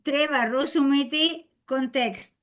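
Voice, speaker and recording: Slow, hesitant woman student. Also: sits high, fairly bright tone. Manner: hesitant, slow reading with pauses. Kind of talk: reading aloud in class.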